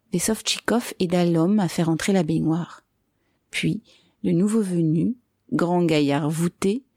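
Woman narrator, measured and clear; dry, low register. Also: mellow, no room sound. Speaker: reader. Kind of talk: scripted narration.

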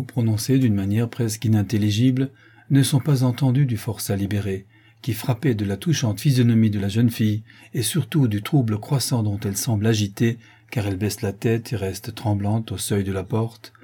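A man narrating a classic novel aloud in a steady, measured reading style. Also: lowish voice, breathy edge. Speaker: audiobook narrator. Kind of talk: scripted narration.

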